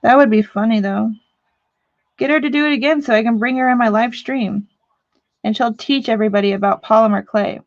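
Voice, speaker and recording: A woman's voice: on the high side, brisk, no room sound, lo-fi sound. A woman from Missouri hosting a casual live stream talk show from home, chatting, joking and reading out viewer comments. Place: home living room.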